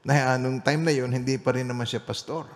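A male pastor leading a Bible study, telling a personal testimony in an animated way that swings between loud emphasis and quiet asides. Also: mid-range voice, fairly quick, big-room sound.

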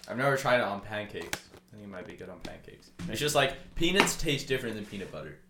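A young man with a fairly low voice chats casually as a guest, talking fast and animatedly. He's easygoing and matter-of-fact, explaining things in short pieces. The room is echoey, with clear background noise.

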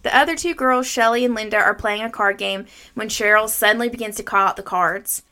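A woman's voice: on the high side, brisk, bright, forceful tone. A woman around her thirties hosting a movie recap, mixing scripted summary with informal, salty chat. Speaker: podcast host.

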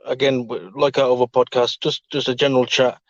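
A man's voice: medium pitch, little pitch movement, brisk, no room sound, lo-fi sound. A man, hosting a podcast in a casual, chatty style. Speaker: podcast host. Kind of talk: casual chat.

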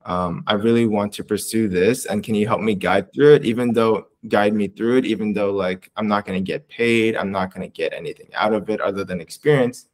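A man's voice: fairly low pitch, a little fast, few pauses. A young man from Canada, a research coordinator answering interview questions in a casual, rambling way with many fillers and restarts.

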